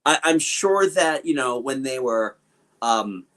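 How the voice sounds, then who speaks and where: A podcast co-host, male, discusses a movie casually, riffing with many fillers and views. He sounds animated and a bit bright in a mid-range voice, taking a slow pace.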